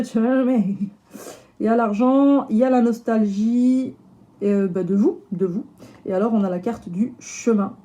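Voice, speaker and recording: A woman with a slightly hoarse voice, chatting casually through a tarot reading with lots of fillers and restarts. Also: mid-range voice, warm tone. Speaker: tarot reader.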